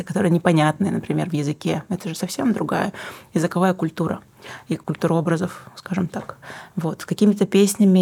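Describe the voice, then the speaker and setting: Answering interview questions reflectively, a young woman from Kazakhstan speaks in a low, husky voice. A singer and book publisher, she is thoughtful, hunts for words and slips in soft asides.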